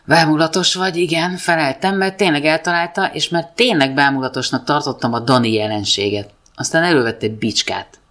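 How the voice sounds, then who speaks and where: A woman's voice: rumbling low, few pauses, fairly bright tone. A woman reading her own humorous first-person story aloud, with a dry, wry comic delivery.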